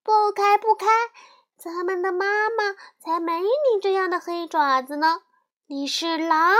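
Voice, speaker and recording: A woman voicing a group of little goat kids, talking in a high, insistent childlike way. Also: unhurried, fairly bright tone. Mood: defiant.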